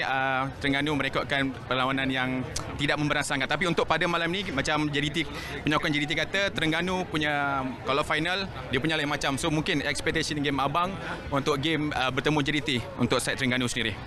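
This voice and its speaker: A young man reporting live outdoors with a handheld microphone, interviewing fans with polite questions and frequent hesitant pauses. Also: a little high, fairly even intonation, noisy background. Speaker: field reporter. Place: outdoors at a stadium forecourt among a dense crowd of fans. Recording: loud crowd around.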